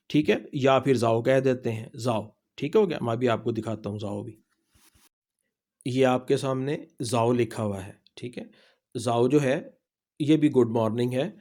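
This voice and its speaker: A man's voice: medium pitch, a little mellow. A man with a Pakistani Urdu accent, teaching a casual spoken lesson and patiently repeating each word for practice. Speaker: language teacher.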